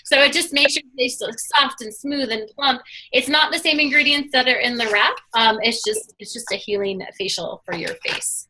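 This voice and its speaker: A woman chatting on a video call, gushing about products in a casual sales pitch with lots of fillers. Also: moderate pace, bright, forceful tone, slight background noise, poor audio. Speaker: product presenter.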